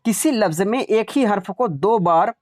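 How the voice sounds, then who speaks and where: A man's voice: sits high, lively intonation, moderate pace. Man teaching exam prep, repeating words. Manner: drills words aloud, asks and answers own questions.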